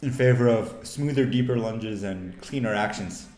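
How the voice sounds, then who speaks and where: A man's voice: fairly low pitch, normal speed, a little mellow. Laid-back man commentating fencing. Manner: laid-back, repeats words as he thinks. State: tired. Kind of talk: casual sports commentary. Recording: roomy echo.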